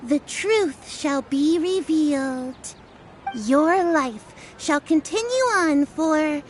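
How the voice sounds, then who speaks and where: A woman's voice: sits high, animated, slow pace, a little hiss or hum. A woman voicing a pompous mystic fortune teller in a video game, with a grandiose, mystical delivery. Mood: grandly mystical.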